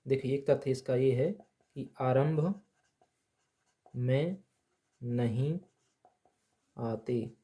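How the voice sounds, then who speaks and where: Male grammar teacher, slow and deliberate, soft mellow tone, quizzes then answers himself. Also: medium pitch. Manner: asks questions then answers them himself, repeats key points. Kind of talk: slow blackboard lesson.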